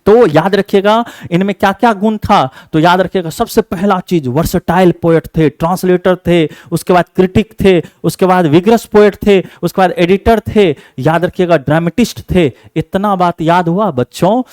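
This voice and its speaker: A man's voice: sits high, normal speed, few pauses, darkish tone, no echo, clean studio sound. A male teacher giving an exam-focused lesson, asking the class questions and answering them himself, repeating each point.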